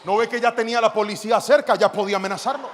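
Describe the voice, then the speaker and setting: High-voiced pastor in a hall. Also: male voice, rapid-fire. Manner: animated, shouting the action. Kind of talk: storytelling sermon. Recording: long hall reverb, faint noise.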